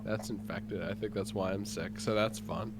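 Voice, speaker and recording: In a noisy voice chat, a congested-sounding man talks through what he plans to do in the game, rambling and leaning on fillers. He has a lowish voice, keeps a steady tone, and speaks at normal speed.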